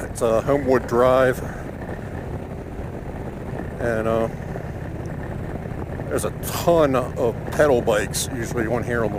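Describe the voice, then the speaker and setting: A fairly low-pitched American man narrates a casual motovlog from inside his helmet. He rambles in a halting way, often searching for words. The helmet microphone sits by his mouth, and clear vehicle and road noise runs behind him. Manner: talking inside a motorcycle helmet. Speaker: motorcycle vlogger. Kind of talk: casual rambling vlog narration while riding. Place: outdoors on a moving motorcycle. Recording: noisy helmet mic, engine and road noise.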